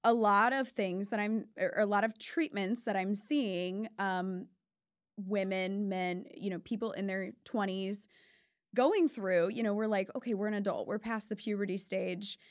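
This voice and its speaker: A woman's voice: mid-range voice, unhurried, dry recording. A woman in her twenties hosting a podcast, chatting in a bubbly, gushing way from a small studio. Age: 20s. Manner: bubbly, gushing, animated hand gestures. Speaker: podcast host. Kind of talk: casual chat. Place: small studio with foam panels. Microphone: studio mic with headphones.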